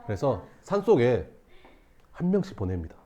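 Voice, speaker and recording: A male teacher telling a class a story, acting out shouts and screams and laughing as he goes. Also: medium pitch, very animated, normal speed. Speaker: math teacher.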